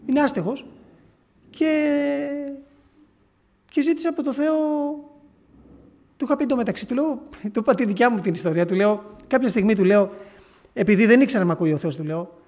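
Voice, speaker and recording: A man preaching, retelling a story in an earnest, halting way with frequent restarts. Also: sits high. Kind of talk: sermon testimony.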